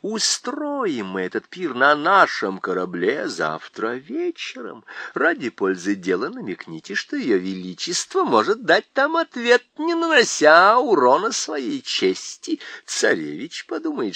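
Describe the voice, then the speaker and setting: A man voicing a fretful, scheming male faun in a storybook reading, talking in an excited, pleading rush. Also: on the high side, a little slow, gravelly, dry recording, full character voice. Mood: eager.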